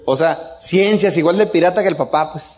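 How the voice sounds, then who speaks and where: A man's voice: on the high side, brisk. A middle-aged man with a Mexican accent telling a casual family anecdote, joking and chuckling as he goes. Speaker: father telling a story.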